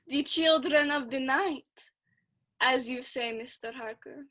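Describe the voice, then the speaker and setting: A young woman playing a sinister vampire count in a student radio play, speaking with slow, courtly menace. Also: sits high, fairly bright tone, full character voice.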